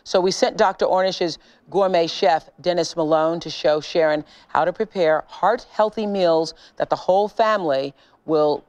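A woman's voice: lowish voice, normal speed, a little mellow, no echo, muffled recording. Woman narrating, close dry sound. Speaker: programme narrator. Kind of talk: scripted lifestyle programme narration.

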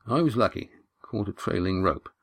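A man voicing a gruff old sailor. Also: on the low side, lively intonation, normal speed. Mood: matter-of-fact.

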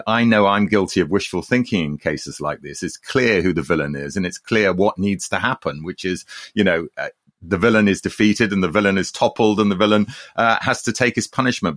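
Low-voiced man hosting a podcast, dry sound. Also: fairly bright tone, dry recording. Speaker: podcast host. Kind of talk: conversational podcast discussion.

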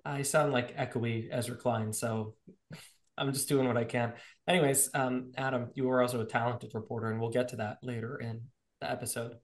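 A man's voice: mid-range voice, steady tone, fairly quick. Echoey-sounding male podcast host. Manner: upbeat, joking, plugs sponsors. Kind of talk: casual podcast chat.

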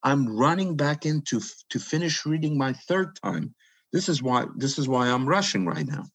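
A man voicing eager, flattering male officials who talk in a hurried, insistent way. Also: mid-range voice, pitched above the performer's own voice, lightly acted. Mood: fawning.

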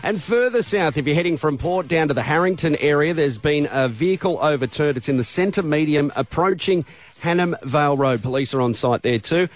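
A man's voice: fairly high pitch, expressive, fairly quick. An Australian man presenting a radio breakfast show in a chatty, colloquial, matey way on a studio microphone.

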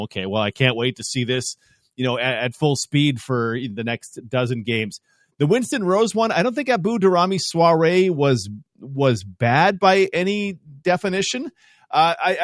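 A man talking football as a guest analyst on a radio show, in a quick, animated, chatty way. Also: fairly high pitch, no room sound, clean studio sound. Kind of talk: casual sports talk.

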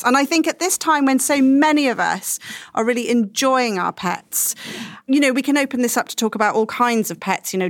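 An enthusiastic woman co-hosting a podcast, rambling cheerfully through her stories. Her voice sits a little high and sounds dry and close to the mic. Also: fairly bright tone, no echo. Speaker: podcast co-host. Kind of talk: casual chat.

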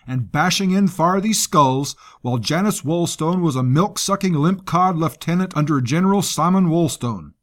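A man's voice: on the high side, pitched above the performer's own voice, natural voice. A man voicing a brash, scarred male military commander with a harsh, taunting manner.

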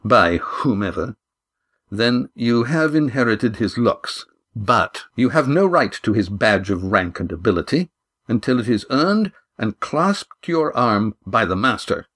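A man narrator voicing a haughty man whose formal politeness is edged with insult, speaking deliberately in an audiobook. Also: medium pitch, big pitch swings, a bit bright.

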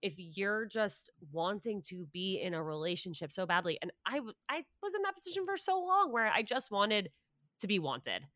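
A woman in her late twenties hosting a podcast interview, candid and self-deprecating, and quick to laugh. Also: medium pitch, big pitch swings, a bit bright, dry recording, clean studio sound. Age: 20s. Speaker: podcast host. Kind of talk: casual interview chat.

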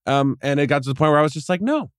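A man's voice: medium pitch, little pitch movement, very fast, clean tone, dry recording, clean studio sound. A man cohosting a podcast, talking in a casual, matter-of-fact way. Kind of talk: casual chat.

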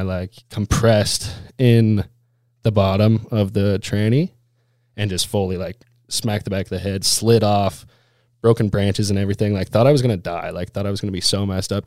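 A man's voice: on the low side, fairly even intonation, moderate pace, darkish tone, dry recording. A man telling stories in a casual, laid-back way as an interview guest, full of snowboarder slang, with "like" and "dude" all through. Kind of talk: casual chat, storytelling.

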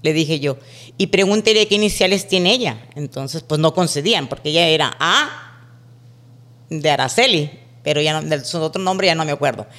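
A middle-aged woman, appearing as a podcast guest, casually recounts childhood stories in a low voice at a moderate pace. She's animated and acts out the dialogue from her memories.

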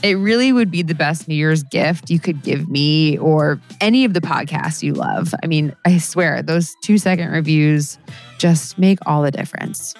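A woman's voice: low-pitched, normal speed, darkish tone, faint music behind. A woman hosting a podcast, talking in a chatty, earnest way. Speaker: podcast host. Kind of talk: casual podcast chat.

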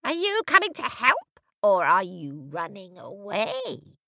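A woman's voice: mid-range voice, huge pitch swings, slow, gravelly, sharp tone, heavily acted. A woman voicing a greedy, menacing old witch who screeches and croons. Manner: shrieking, crooning.

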